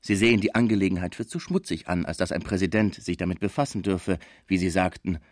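A man reading a classic novel aloud as an expressive audiobook narrator. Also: low-pitched, fast talker, no echo, studio quality.

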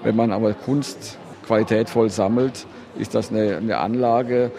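A man from Germany, an art collector, giving halting, unscripted interview answers. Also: lowish voice, fairly even intonation. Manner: halting, searching for words. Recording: busy crowd in background.

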